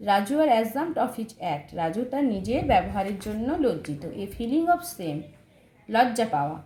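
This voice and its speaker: A woman teaching an English textbook lesson with a Bengali accent, reading English sentences slowly and then translating them. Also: medium pitch, big pitch swings, warm tone. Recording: roomy echo, faint background noise.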